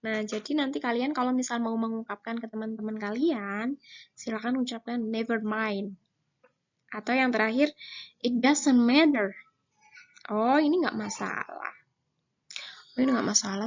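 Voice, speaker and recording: Woman English teacher, Indonesian accent, slightly high voice, unhurried lesson delivery, dull lo-fi recording. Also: darkish tone. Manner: reads English phrases slowly, then explains in Indonesian.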